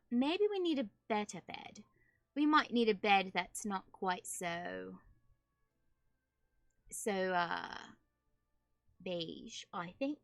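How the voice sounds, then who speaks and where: A streamer playing a building game for her viewers puts on a British accent, her voice a little high and the recording dry. Decorating rooms, she gives casual, playful live commentary, chatting to herself and viewers in affectedly genteel phrases.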